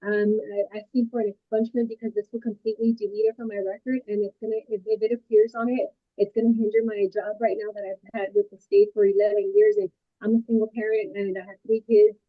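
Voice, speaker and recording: A woman speaking in a remote court hearing, her voice muffled as if heard through a wall, talking in a halting way with many fillers. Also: mid-range voice, flat delivery, no echo. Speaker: self-represented party in a court hearing. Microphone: remote call microphone held too far off. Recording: muffled tinny call line, dry.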